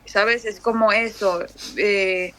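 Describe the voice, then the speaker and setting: A woman's voice: mid-range voice, fairly even intonation, slow, fairly bright tone. A young Mexican woman with a Mexican accent, chatting casually as a guest, full of fillers and restarts. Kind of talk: casual conversation.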